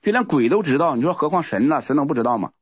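Man, rapid rambling testimony, slightly high voice, muffled dry recording. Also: expressive, slightly rough, dry recording. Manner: rambling, repeats words, restarts often. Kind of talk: casual spoken testimony.

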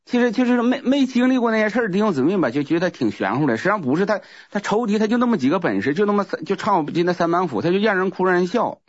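Fast-talking man. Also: high-pitched, animated, no echo. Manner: rambling, repeats words, restarts often. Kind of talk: casual spoken testimony. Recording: muffled lo-fi recording.

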